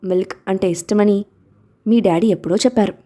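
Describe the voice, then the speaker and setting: A woman reading a storybook who voices a calm, loving young father, gentle and teasing when he speaks. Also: mid-range voice, brisk, natural voice.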